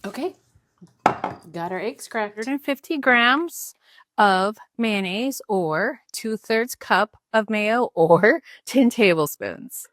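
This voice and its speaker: A woman's voice: medium pitch, lively intonation, slow, a bit bright, no room sound. A woman chatting her way through a cooking tutorial at home, laughing at herself as she carefully goes through each measurement. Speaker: home cook showing a recipe. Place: home kitchen.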